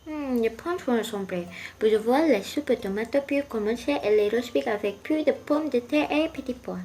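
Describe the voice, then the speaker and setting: A woman's voice: on the high side, warm tone, slight background noise, natural voice. A young woman, playing a restaurant customer and explaining French phrases in a student video. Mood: ordering. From Indonesia. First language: Indonesian. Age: 20s. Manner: explains slowly, learner's French. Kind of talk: classroom role-play and explanation.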